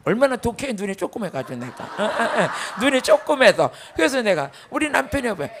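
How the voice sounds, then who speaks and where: Older woman pastor, sermon testimony, gravelly voice, animated storytelling with loud bursts. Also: on the high side, brisk, background noise.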